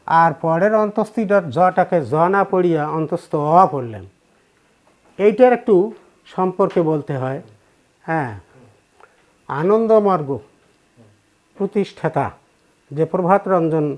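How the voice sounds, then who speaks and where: Bangladeshi male teacher, higher pitch, slow counting, chants verses in class. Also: darkish tone. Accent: Bangladeshi Bengali. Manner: counts syllables slowly, chants verse lines. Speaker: Gita recitation teacher. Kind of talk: teaching Sanskrit verse pronunciation. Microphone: online class recording.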